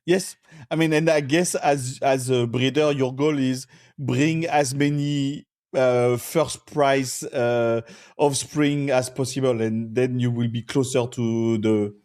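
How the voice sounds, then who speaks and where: A man hosting a relaxed interview, speaking at a middle pitch. He mostly offers short agreeing replies and asks questions in a halting way. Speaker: podcast host. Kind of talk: casual interview talk.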